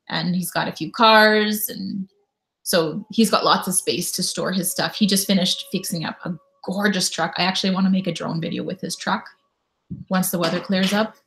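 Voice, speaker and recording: A woman from Canada, in her thirties, runs a laid-back home live stream where she reads and responds to viewers' comments. She speaks at a normal speed in a fairly low, steady voice with a touch of brightness, captured on a low-quality recording.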